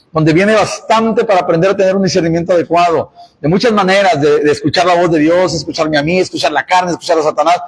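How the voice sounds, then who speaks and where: Husky high-voiced pastor preaching. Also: male voice, poor audio. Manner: preaching, with quoted voices and emphatic exhortations. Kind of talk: sermon.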